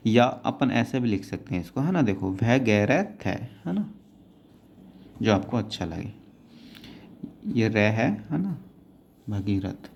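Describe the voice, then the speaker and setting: A man's voice: on the low side, very animated, slow, creaky, long pauses, darkish tone, a little hiss or hum. A man teaching shorthand, patiently explaining each word and checking in with his students as he goes. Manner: patient, keeps adding "है ना" and calling students "बेटा".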